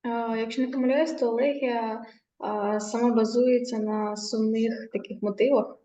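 A woman's voice: on the high side, fairly even intonation, normal speed, dark tone, muffled recording. Tentative young woman student in a roomy space. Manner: tentative, unsure. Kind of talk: answering in class.

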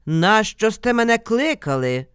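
A menacing dog-headed ogre from a fairy tale reading, huge and demanding, barking out threats, played by a woman. His voice rises high and loud as he bullies his captives. The sound is close and dry. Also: very animated, a little slow, smooth, dry recording. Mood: threatening.

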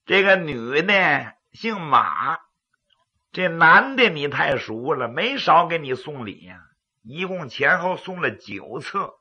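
A male storyteller voicing a bold, mocking martial hero in a gravelly, dramatic voice. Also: fairly high pitch, pushed and bright, highs cut off, heavily acted. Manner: dramatic, taunting.

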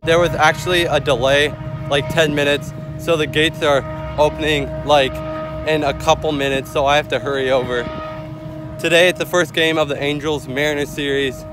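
A young man chats into a phone held at arm's length, outdoors by a ballpark. He talks fast and casually, like a regular vlogger catching his viewers up, with music playing behind him in the outdoor phone recording. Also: a little high, fairly even intonation. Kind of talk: casual vlog to camera. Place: outdoors at a ballpark and its parking lot. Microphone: phone camera at arm's length.

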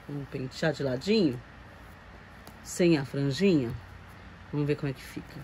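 A Brazilian woman with a fairly low voice talks casually to her viewers, doting and chatty. She coos at the doll she is holding. A faint hiss sits under her voice. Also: moderate pace, long pauses, mellow, low-quality recording. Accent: Brazilian Portuguese. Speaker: reborn doll collector vlogger. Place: home room with doll shelves.

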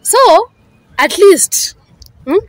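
A woman's voice: extremely high pitch, lively intonation, extremely slow, dry recording, low-quality recording. A young woman with a Kenyan accent, chatting casually as a street interviewee outdoors.

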